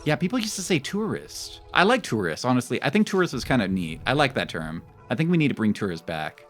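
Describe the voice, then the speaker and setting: A man's voice: medium pitch, very animated, a little fast. A man chatting casually and rambling as he streams a game. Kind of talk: casual chat while gaming. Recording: music behind the voice.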